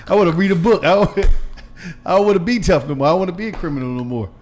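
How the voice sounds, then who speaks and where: A man hosting a podcast, telling a story in casual chat, animated and laughing, acting out his own scared voice. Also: sits high, quick pace, a little hiss or hum. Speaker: podcast host.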